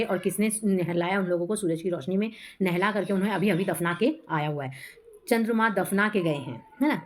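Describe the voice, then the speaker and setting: A woman teaching a poem to students, explaining each line slowly in a voice with inflection, often adding "hai na" and repeating herself. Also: fairly low pitch, slight background noise.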